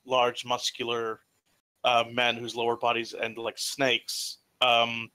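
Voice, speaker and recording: A man narrating an improvised tabletop game as game master, informal and halting, sometimes swearing. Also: medium pitch, completely flat delivery, pushed and bright, clean tone.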